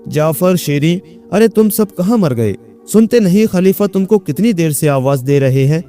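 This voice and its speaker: A man's voice: a little high, animated, normal speed, dark tone, faint music behind, lightly acted. A man voicing a hot-tempered young man who believes he is the caliph and barks angry commands. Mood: angry, commanding.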